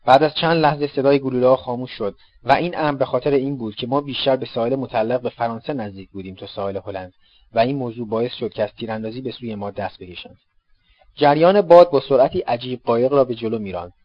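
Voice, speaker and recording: Male audiobook narrator, mid pitch, steady reading, muffled lo-fi and close. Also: dry recording. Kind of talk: scripted narration. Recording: dull lo-fi dry recording.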